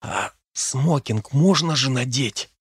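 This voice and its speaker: A man's voice: a little high, lively intonation, moderate pace, no room sound, clean studio sound, voice pushed up. A man voicing a nervous, awkward teenage boy who asks timid, fussy questions. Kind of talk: audiobook character voice.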